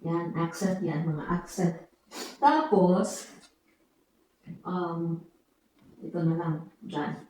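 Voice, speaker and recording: Casual home vlogger, woman from the Philippines, middle-aged, mellow tone, roomy echo. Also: lowish voice, fairly even intonation, extremely slow, long pauses, slight background noise. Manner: chatty, joking, mixes Tagalog and English. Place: house interior, new home. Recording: echoey room.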